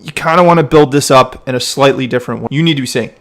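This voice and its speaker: A man's voice: mid-range voice, quick pace, fairly bright tone. A man coaching a coxswain, explaining in an encouraging, conversational way with frequent restarts. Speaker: rowing coach. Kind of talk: coaching feedback.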